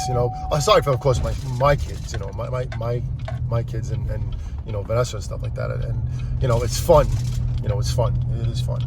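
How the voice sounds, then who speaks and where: Loading and driving a truck, a middle-aged man rambles through a casual vlog shot on his phone, full of fillers and restarts. His voice is mid-range, and the background is noisy.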